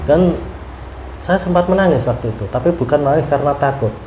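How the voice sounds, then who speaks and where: A man telling a long story in a casual interview, animated, often laughing and acting out his prayers. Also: fairly high pitch, a little fast. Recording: roomy room with faint ambient noise.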